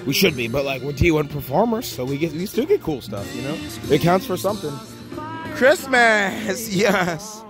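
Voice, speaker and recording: A man's voice: on the high side, sing-song, quick pace, hardly any pauses, music in the background. A young man in college vlogging casually on his phone while walking around campus, upbeat and rambling, a little out of breath. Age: young adult. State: slightly out of breath. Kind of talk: casual vlog narration. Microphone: handheld phone.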